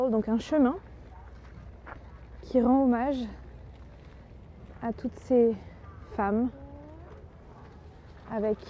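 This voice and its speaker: A woman's voice: a little high, dark tone, a little hiss or hum. A woman narrating a casual travel vlog in a chatty, enthusiastic way, with many fillers. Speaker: travel vlogger.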